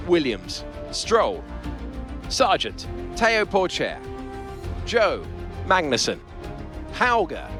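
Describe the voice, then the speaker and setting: The in-game race commentator voice, polished and lively, music faint behind. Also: male voice, mid-range voice. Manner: smooth broadcaster delivery, reading out the grid.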